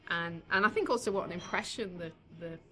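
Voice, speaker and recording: A woman co-hosting a casual football chat, thoughtful and measured, repeating words as she thinks. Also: on the low side, sharp tone. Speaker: podcast co-host.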